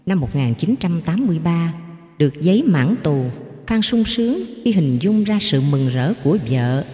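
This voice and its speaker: Expressive storyteller with a mellow voice. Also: mid-range voice, moderate pace. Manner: expressive, emotional reading. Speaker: narrator. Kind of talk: dramatic storytelling. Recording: echoey room with long reverb.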